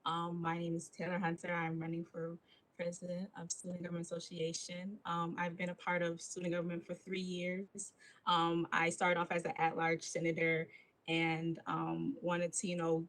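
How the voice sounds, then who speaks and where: A woman's voice: fairly low pitch, monotone, moderate pace, fairly bright tone, low-quality recording. A young woman from Buffalo, New York, giving a hesitant student campaign speech full of ums. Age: young adult. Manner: hesitant, many fillers. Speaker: student candidate.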